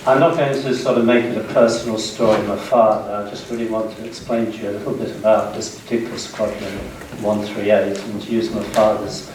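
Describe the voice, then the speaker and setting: Addressing an audience in an indoor seminar room, a man in his sixties from west of London lectures on history in short, measured phrases separated by pauses. His fairly low voice has a level tone and a British accent. A distant mic picks up heavy echo and faint noise.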